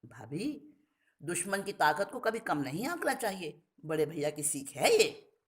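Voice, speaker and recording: A woman voicing a devoted young brother-in-law, speaking lower and earnestly. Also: big pitch swings, a little slow.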